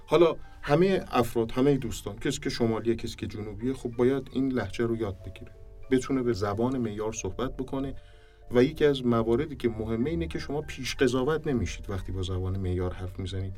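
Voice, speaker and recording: A man's voice: medium pitch, darkish tone. Man, diction teacher, emphatic interview explanation, repeats points, distant mic, faint background music.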